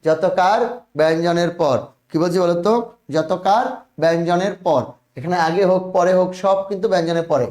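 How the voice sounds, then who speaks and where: A man teaching a spelling lesson, drilling students, repeating words and pressing for quick answers. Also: high voice, a little mellow, reverberant.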